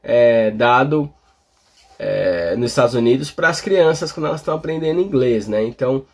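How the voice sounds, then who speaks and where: A Portuguese-speaking man explaining English vowel pronunciation, talking slowly with many fillers and tag questions. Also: medium pitch, expressive, creaky, a little mellow. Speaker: English teacher. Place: in front of a display board.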